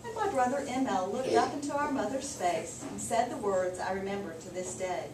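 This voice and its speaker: A woman teacher with an expressive, medium-pitched voice speaks at normal speed while reading a story to a group of children and discussing it. She affirms each answer by repeating it. The sound is echoey and noisy, with the microphone placed far off.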